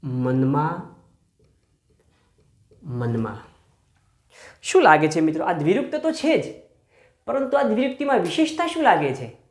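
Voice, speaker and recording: This male school teacher speaks animatedly but at a measured pace, pausing often, in a slightly high voice in an echoey room. During his grammar lesson he calls listeners friends, asks and answers his own questions, and stretches out key words.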